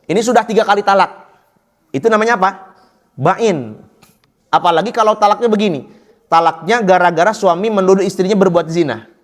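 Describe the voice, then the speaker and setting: A man's voice: high voice, a little fast, long pauses. Joking man teaching in a mosque. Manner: joking, asks the audience questions. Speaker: Islamic teacher. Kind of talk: mosque study lesson.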